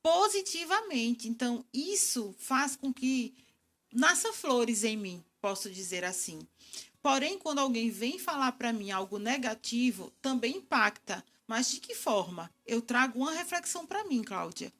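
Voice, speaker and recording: A middle-aged woman speaks in a slightly raised pitch, calm and reflective as she explains her views. She pauses to think and answers at length in a studio interview. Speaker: guest communication expert.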